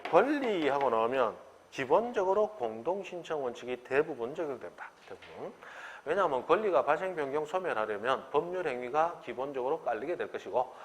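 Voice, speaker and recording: Animated male law lecturer, reverberant hall. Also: a little high, a little fast. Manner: animated, acts out quoted dialogue, rhetorical questions. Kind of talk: exam-prep lecture.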